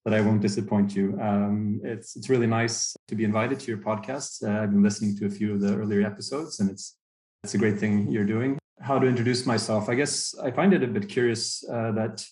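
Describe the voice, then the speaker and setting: A man in his thirties from Sweden answers podcast questions slowly and thoughtfully, often restarting his sentences. His voice sits fairly low and comes through in an echoey room. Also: fairly even intonation, a little mellow. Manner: thoughtful, hesitant, many restarts. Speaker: podcast guest, researcher. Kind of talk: podcast interview.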